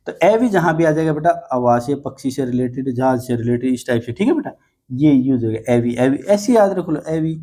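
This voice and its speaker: A male teacher runs a vocabulary class. His voice is warm and dark, his pitch sits in the middle, and he keeps reassuring students with playful mnemonics. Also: animated, fairly quick. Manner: coaxing, repeats "ठीक है बेटा", playful mnemonics.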